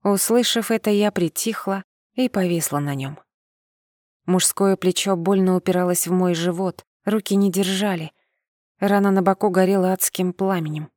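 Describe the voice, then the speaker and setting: A woman narrating a first-person audiobook in a measured, steady reading. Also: on the low side, no echo, clean studio sound.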